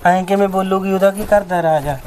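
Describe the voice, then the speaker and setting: A man's voice: high-pitched, steady tone, quick pace, darkish tone, slight background noise, lightly acted, low-quality recording. An actor playing a protective brother who takes his sister's side against his wife. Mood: insistent. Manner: insistent, reproachful. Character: protective brother, firm and indignant. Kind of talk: amateur short-film acting.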